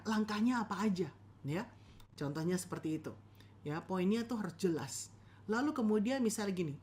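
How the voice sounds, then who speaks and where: A woman teaching a church lesson on preaching. She talks in a lively, animated way and keeps calling on her audience to respond. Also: medium pitch.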